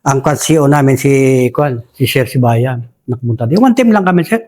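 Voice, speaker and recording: A man's voice: medium pitch, big pitch swings, brisk, darkish tone. A man from Basilan recounts his time as a soldier, deferential and full of restarts. He keeps calling the host "Sir" as he talks. His voice sits in an ordinary middle range. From Basilan, Philippines. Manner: respectful, says "Sir" constantly, rambling with restarts. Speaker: retired soldier guest. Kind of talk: casual war storytelling.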